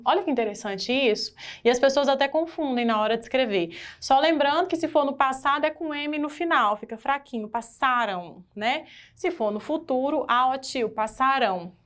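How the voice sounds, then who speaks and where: Brazilian woman, exam-prep grammar teacher, animated and questioning, slightly high-pitched. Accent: Brazilian Portuguese. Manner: animated, asks the class questions and stresses key words.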